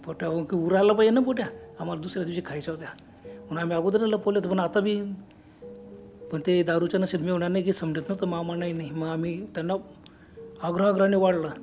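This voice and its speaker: A man narrating a first-person horror story in a conversational, unhurried way. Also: high-pitched, steady tone, darkish tone. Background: background music and crickets.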